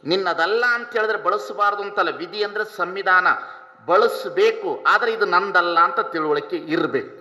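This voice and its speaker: High, animated preacher man, echoey hall. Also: normal speed. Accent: North Karnataka Kannada. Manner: animated storytelling with rhetorical questions. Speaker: spiritual preacher. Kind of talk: sermon with folksy storytelling.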